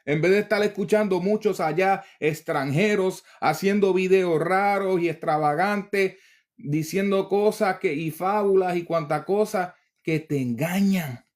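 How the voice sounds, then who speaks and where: A man teaching from the Bible, reading verses slowly and deliberately with casual asides to the viewer. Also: high voice, darkish tone.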